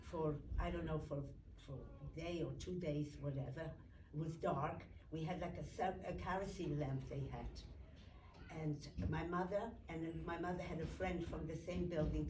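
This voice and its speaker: A woman, slowly recounting her memories in an interview, often pausing and restarting as she searches for words. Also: on the low side. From Poland. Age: 80s. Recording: roomy, distant mic, noisy room.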